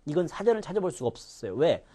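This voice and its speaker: A man's voice: on the high side, very animated, rapid-fire, warm tone. A man teaching English pronunciation in a recorded lecture, demonstrating sounds with exaggerated contrasts.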